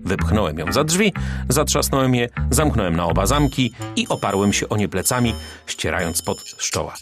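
A man narrates a detective tale in first person, his low voice swinging widely in pitch. He tells it wryly and expressively, with clear music playing behind him. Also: moderate pace. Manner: wry, expressive storytelling. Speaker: audiobook narrator.

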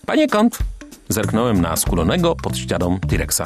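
Man, audiobook narrator, low voice, animated, wry detective storytelling, music underneath. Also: normal speed, gravelly.

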